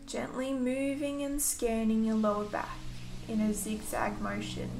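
A woman leading a guided body-scan meditation in a gentle, soothing manner, giving instructions in short, unhurried phrases. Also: on the high side, vocal fry, over music, poor audio.

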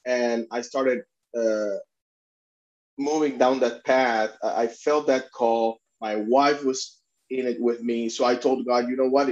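A middle-aged man from Puerto Rico talks earnestly as an interview guest, circling back and restarting his sentences as he tells his story. His voice sits at an average pitch. The recording sounds slightly dull and lo-fi. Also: a little mellow. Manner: earnest, many restarts and fillers. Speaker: immigration attorney and advocate, guest. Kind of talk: conversational interview.

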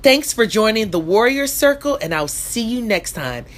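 Woman, motivational coach, high voice, very animated intonation, emphatic, exhorting, repetitive refrains. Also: normal speed. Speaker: motivational coach and show host. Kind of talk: motivational speech.

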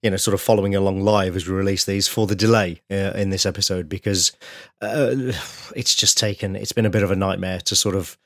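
A low-voiced man chats casually as a podcast co-host. His voice is nasal and congested from a cold, and the recording is close and dry. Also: fairly even intonation, brisk, a bit bright, no room sound. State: ill with a cold. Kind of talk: casual chat.

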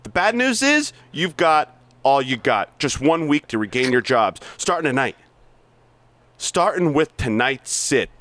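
A man gives an amateur reading of a scene as a brash, abusive sales boss who swears at and berates his staff, sometimes stumbling over the script. His voice is medium-pitched and pushed above his natural register, sing-song, unhurried and fairly bright, in a dry recording.

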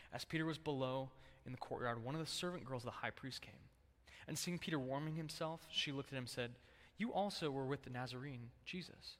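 A man preaching a sermon to a congregation. He talks in a relaxed, chatty way and jumps into animated voices when he quotes people. His voice rings out with a long hall reverb. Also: medium pitch. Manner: casual, conversational preaching with lively acted-out quotes. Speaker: pastor.

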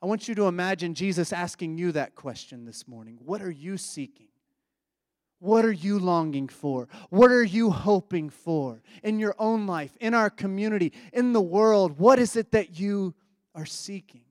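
High-voiced man preaching conversationally. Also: animated, normal speed, no room sound, studio quality. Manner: conversational, reflective preaching with acted quotes. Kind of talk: sermon.

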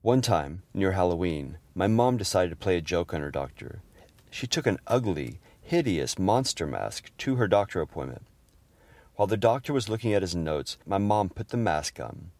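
A middle-aged man fondly narrating humorous family memories in a gentle storytelling manner. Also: low-pitched, sing-song, normal speed, no echo. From Houston, Texas area. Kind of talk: personal memoir narration.

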